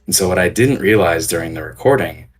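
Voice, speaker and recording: Deep low guy voice, sings a lot, rambly low-key storytelling over voice chat, bit of music behind. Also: lively intonation, fast talker, slightly rough. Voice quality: deep singer's voice. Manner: low-key, hedging storyteller with frequent check-ins. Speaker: call-in guest on a live show. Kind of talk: casual anecdote. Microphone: voice call on Discord.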